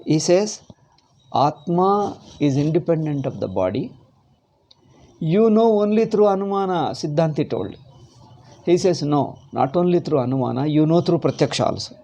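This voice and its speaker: In a gravelly yet mellow voice pitched a little high, a South Indian-accented man teaches scripture lecture-style, pairing Sanskrit quotations with commentary as a Vedanta teacher. He's expressive at a moderate pace and pauses often. He makes his points emphatically, repeating himself and asking rhetorical questions.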